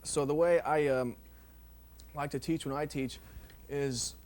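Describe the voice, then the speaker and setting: Drummer explaining rolls, loose and rambling. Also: male voice, fairly high pitch, measured pace. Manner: relaxed, rambling, many ums and you knows. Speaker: drum instructor. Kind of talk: casual instructional explanation.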